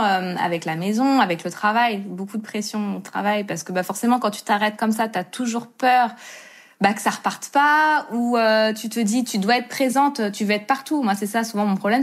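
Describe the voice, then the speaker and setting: A woman in her thirties, a tattoo artist chatting casually as a podcast guest, easygoing and hesitant and laughing often. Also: medium pitch. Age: 30s. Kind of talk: casual interview chat.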